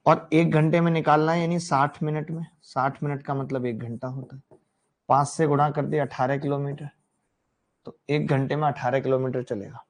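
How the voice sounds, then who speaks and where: A man's voice: fairly high pitch, little pitch movement, moderate pace. Playful Hindi-speaking math teacher, man. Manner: playful, addresses students directly. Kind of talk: classroom lecture.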